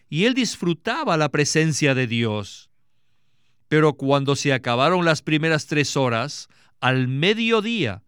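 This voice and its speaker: A man's voice: on the high side, a bit bright, clear, resonant tone, dry recording, clean studio sound. A man interpreting a sermon with an earnest, preaching cadence.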